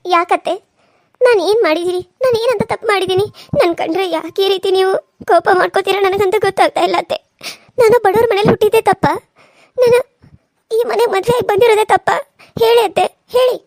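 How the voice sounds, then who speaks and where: A gentle cartoon daughter-in-law, voiced by a woman, pleads in a very high, thin voice. She talks quickly and tearfully. The sound is dry and close. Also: no echo. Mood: pleading. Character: meek, loving young wife from a poor family. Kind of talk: cartoon serial voice acting.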